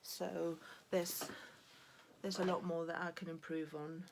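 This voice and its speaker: Hesitant woman presenting, slow. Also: fairly low pitch, little pitch movement, gravelly, a little hiss or hum. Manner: hesitant, many fillers and restarts. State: a bit out of breath. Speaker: design student presenting her work. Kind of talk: informal spoken presentation.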